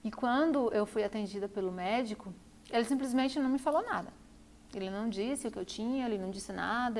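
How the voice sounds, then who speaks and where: A woman's voice: on the high side, a little hiss or hum. A woman telling her own story to camera, repeating phrases for emphasis. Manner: repetitive, emphatic retelling. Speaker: vlogger.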